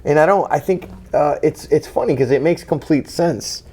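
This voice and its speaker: A man's voice: fairly high pitch, normal speed, warm tone, breathy edge. A man co-hosting a casual guitar show, joking and bantering playfully. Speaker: co-host of a guitar shop show. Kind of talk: casual chat.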